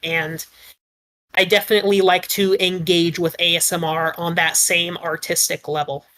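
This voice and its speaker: Woman, slightly low voice, earnest and wordy podcast panelist. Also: flat delivery, normal speed, a bit bright. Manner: earnest, explains at length with many "like"s. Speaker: podcast panelist and ASMR script writer. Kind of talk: casual podcast chat.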